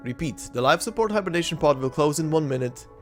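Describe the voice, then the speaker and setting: A narrator voicing a gentle automated care system that calmly gives repeated instructions over a distant loudspeaker. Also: mid-range voice, fast talker, faint music behind. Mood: calm instructing. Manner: calm, even, repeated instructions. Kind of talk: fan radio play narration.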